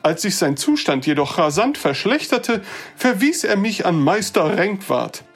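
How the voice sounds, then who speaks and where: A storyteller voicing an older human gentleman who speaks formally and a little hesitantly. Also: medium pitch, very animated, unhurried, breathy edge, faint music behind, voice pushed up, exaggerated voice. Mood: earnest. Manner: formal, hesitant, old-fashioned.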